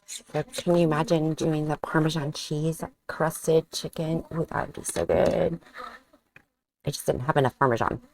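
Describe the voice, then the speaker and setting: A woman's voice: deep voice, fairly even intonation, moderate pace, creaky, a little mellow. A woman vlogging a cooking demonstration in her home kitchen, chatting casually and thinking aloud as she cooks and tastes.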